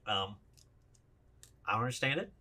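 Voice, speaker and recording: A man's voice: lowish voice, lively intonation, moderate pace, pushed and bright. A man in a played video ranking trading cards, plain-spoken and opinionated, with some hesitant restarts. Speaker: card reviewer in a played video. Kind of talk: casual ranking commentary.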